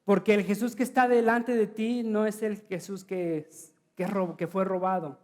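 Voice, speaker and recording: High-voiced man preaching a sermon. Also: steady tone, normal speed, a little mellow. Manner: addresses listener directly, repeats questions for emphasis. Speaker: pastor.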